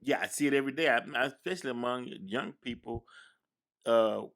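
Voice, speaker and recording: A man hosting a radio interview, speaking haltingly with repeated words and restarts. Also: mid-range voice, vocal fry, a bit bright. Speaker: radio show host. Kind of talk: conversational interview.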